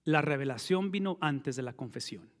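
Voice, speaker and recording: A male pastor preaches a sermon in a fairly high voice. He fires rhetorical questions at the congregation and answers them himself, leaning hard on key words and then dropping into quiet asides. His voice rings out with the long reverb of a large church hall. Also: expressive, moderate pace. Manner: emphatic, swinging between loud stresses and quiet low asides.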